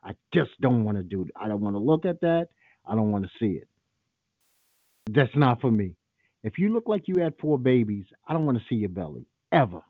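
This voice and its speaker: A man's voice: mid-range voice, very animated, a little fast, no echo. Guy hosting a call-in show, blunt and cussing, tinny dry phone-like sound. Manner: blunt, profane and opinionated. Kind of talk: casual call-in radio talk.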